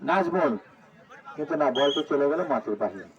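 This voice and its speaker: High-pitched, rapid Bangladeshi man commentating football. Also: expressive, far from the mic, muffled recording. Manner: urgent, repeats names and calls. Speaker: live football match commentator and announcer. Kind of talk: excited running football commentary. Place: outdoors at a local football ground.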